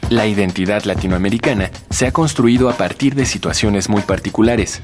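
A man reading a scripted documentary narration in a measured, formal way. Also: fairly low pitch. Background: music.

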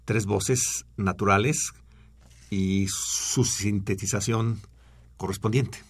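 A middle-aged man explains speech technology in a radio studio. His voice is very low, with gravelly fry and a husky edge. He talks in long explanations full of fillers and restarts. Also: fairly even intonation, slow pace.

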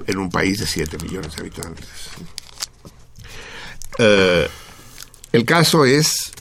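Mexican male radio host, gravelly low voice, faint noise, profane and lively. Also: slow pace. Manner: profane, lively explaining to listeners. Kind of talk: casual radio talk.

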